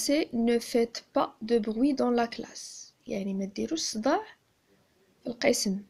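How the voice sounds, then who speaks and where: A woman with a Moroccan accent teaching a grammar lesson, speaking slowly and deliberately and repeating key terms. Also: fairly high pitch, creaky, darkish tone. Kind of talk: classroom-style grammar lesson.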